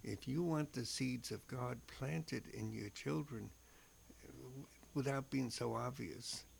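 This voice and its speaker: A man's voice: mid-range voice, slow, gravelly, slight background noise. A man co-hosting a religious radio show, talking and reading devotions in an earnest, emphatic way.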